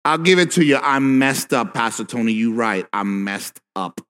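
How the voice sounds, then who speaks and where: A man's voice: mid-range voice, expressive, moderate pace, a bit bright, pitched below the performer's own voice, natural voice. A man voicing an impatient male churchgoer who wants the preacher to wrap up and tell him what to do. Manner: pleading, self-mocking. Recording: long reverb with faint music.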